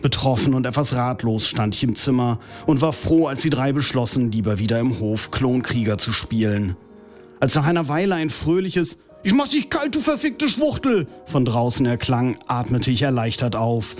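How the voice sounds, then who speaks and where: A man's voice: mid-range voice, normal speed, faint music behind. A man reading his own humorous story in a dry, ironic tone, then talking in a radio interview.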